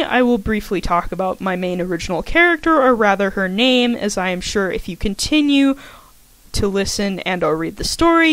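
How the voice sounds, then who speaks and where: A fan fiction author and podfic narrator gives an informal scripted introduction to an audio story. Her mid-range voice comes through a dry, low-quality recording, and she's chatty, sprinkling in self-aware little asides.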